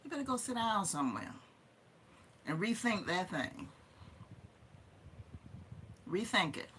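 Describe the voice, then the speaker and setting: A woman voicing a stern old grandmother with a Southern accent, scolding in a high, loud drawl. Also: big pitch swings, takes it slowly, slight background noise.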